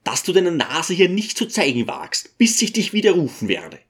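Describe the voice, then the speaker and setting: A man's voice: a little high, huge pitch swings, normal speed, fairly bright tone, breathy edge, voice pushed up, full character voice. A man voicing a brash, overbearing male suitor in an audiobook, talking insistently and crudely. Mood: pushy. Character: pushy, brash middle-aged male suitor.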